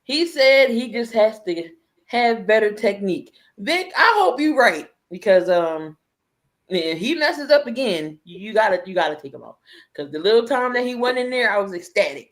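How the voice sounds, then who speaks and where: Joking woman co-host, chatty. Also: medium pitch. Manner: joking, chatty, hesitant fillers. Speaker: podcast co-host. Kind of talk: casual sports chat.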